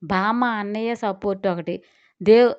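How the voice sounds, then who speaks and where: A woman's voice: medium pitch, moderate pace, a little mellow, clear, resonant tone, lo-fi sound, lightly acted. A woman voicing a spoiled, jealous young woman who answers back with sulky, biting retorts. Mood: fuming.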